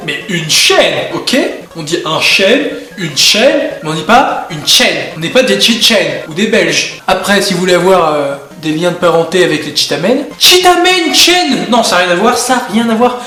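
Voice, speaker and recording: Young male vlogger, high-pitched, rambling and goofy, echoey room with faint music. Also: sing-song, moderate pace. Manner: goofy, rambling, jumping from topic to topic; bursts loud at times. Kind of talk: rambling comedic vlog.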